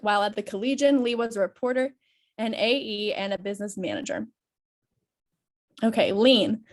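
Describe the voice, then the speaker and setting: A woman's voice: medium pitch, normal speed. A young woman with a congested, nasal voice from a cold, moderating a video-call roundtable and reading guest bios with friendly fillers. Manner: friendly, reads at a steady pace with fillers.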